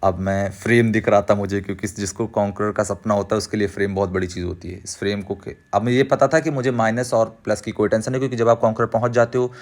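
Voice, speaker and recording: A young man chatting casually over gameplay, sharing tips in an advice-giving way with frequent restarts. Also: fairly low pitch. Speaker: mobile gaming creator.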